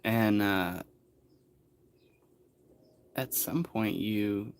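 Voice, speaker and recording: A man's voice: lowish voice, extremely slow, slight background noise. A man hosting a casual tea livestream, rambling and hesitant with frequent chuckles. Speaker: livestream host. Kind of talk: casual live-stream chat.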